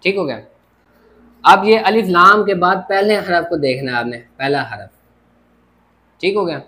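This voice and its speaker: A man's voice: high voice, pushed and bright. A man teaching a grammar lesson at a board, explaining step by step and often checking with "theek ho gaya". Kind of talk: classroom lecture at a board.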